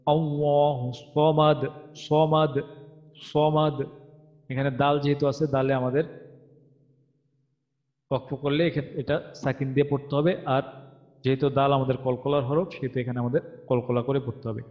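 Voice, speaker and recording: A male recitation teacher talks through the rules with patience. He slows down to chant each verse as a model. His voice comes through a dull, muffled line and trails off with a long echo. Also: medium pitch, flat delivery. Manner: explains patiently, chants verses slowly to demonstrate. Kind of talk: online tajweed lesson. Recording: dull audio with long reverb.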